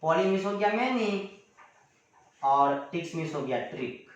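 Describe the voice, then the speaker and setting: A man's voice: on the high side, animated. Echoey male grammar teacher. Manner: explains slowly, repeating definitions, drawing out example words. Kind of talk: classroom lecture. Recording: echoey room, dull lo-fi sound.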